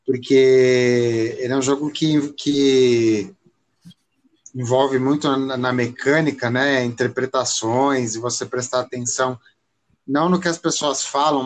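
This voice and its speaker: Brazilian male host, opinionated and animated, mid-range voice, casual chat. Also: mid-range voice, measured pace. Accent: Brazilian Portuguese. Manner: opinionated, animated, with frequent restarts.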